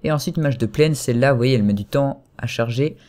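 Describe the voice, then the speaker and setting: This casual screen-recorded software tutorial comes from a young man at his computer who talks quickly in a mid-range voice. He chats along hesitantly, his speech packed with fillers and self-corrections.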